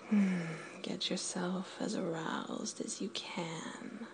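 Slow, gravelly, commanding woman. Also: fairly low pitch, fairly even intonation. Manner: commanding, teasing, often whispered; slow counting down. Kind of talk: intimate audio roleplay.

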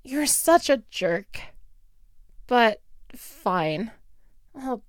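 A snarky school bully girl, acted by a woman in an audio role-play. Her voice runs fairly high and swoops widely as she drawls out sarcastic taunts. The delivery is slow and theatrical, hot-tempered with a grudging soft side. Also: sing-song, no echo, clean studio sound, exaggerated voice. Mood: reluctant, awkward.

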